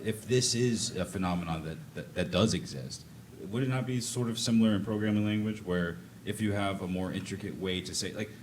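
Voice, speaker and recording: Very low-voiced man asking a question. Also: a little fast, a little hiss or hum. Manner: searching for words, many fillers and restarts. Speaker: audience member asking a question. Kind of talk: casual spoken question.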